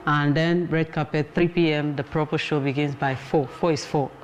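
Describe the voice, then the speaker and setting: A woman's voice: deep voice, fairly even intonation, moderate pace, slight background noise. A woman, an exhibition organizer, talking earnestly as an interview guest and repeating points for emphasis. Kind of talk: casual interview talk.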